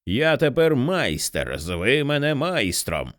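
Audiobook figure: slow, menacing male zealot giving orders, a male narrator voicing him. Dry close read. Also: medium pitch, sing-song, a bit bright, no echo. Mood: commanding. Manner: slow, commanding, drawn-out words. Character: fanatical barefoot male cook, menacing preacher.

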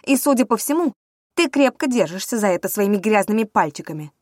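A woman's voice: fairly low pitch, normal speed, dry recording, clean studio sound, close to an everyday voice. A woman voicing a fierce, defiant young witch heroine with an urgent, fiery delivery.

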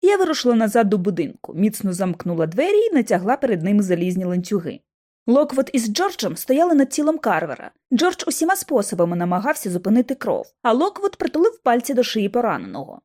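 A woman narrating an audiobook in the first person, with expressive storytelling and dramatic pauses. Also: fairly high pitch.

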